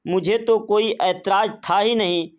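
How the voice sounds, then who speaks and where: A woman reading a first-person story as scripted narration in a slow, even, plain way. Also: medium pitch, muffled recording.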